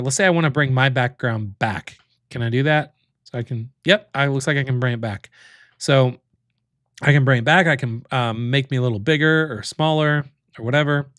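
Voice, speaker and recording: A man's voice: mid-range voice, fairly bright tone, no room sound, studio quality. A man hosting a casual livestream, thinking aloud as he clicks through a tool, with loose fillers and restarts. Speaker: livestream host demoing software.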